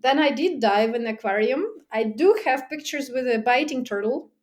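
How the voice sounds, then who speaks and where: In a casual interview, a high-voiced woman tells stories about diving; she's a technical diver and underwater photographer whose first language isn't German. Speaking at a moderate pace, she laughs a lot, acts out things she once said, and restarts sentences with fillers such as "like."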